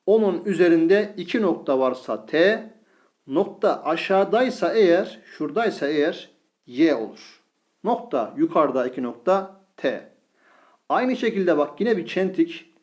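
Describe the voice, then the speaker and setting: A man's voice: a little high, darkish tone. A man teaching a reading lesson in a patient, step-by-step way, sounding out syllables one at a time.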